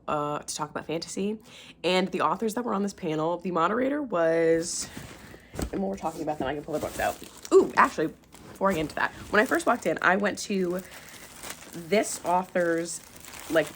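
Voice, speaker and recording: Young woman rambling to camera in a vlog, kinda low voice, lots of "like". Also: a little hiss or hum. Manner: chatty and gushing, lots of "like" fillers. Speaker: vlogger. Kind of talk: casual vlog chat.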